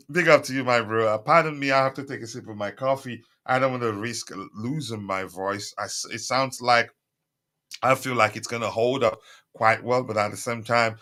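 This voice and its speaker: A man's bright, forceful, mid-range voice moves at normal speed. He hosts a relaxed live stream, chatting with viewers, reading their comments, leaning on fillers, and repeating requests for likes. His voice is a bit strained and appears to be recovering.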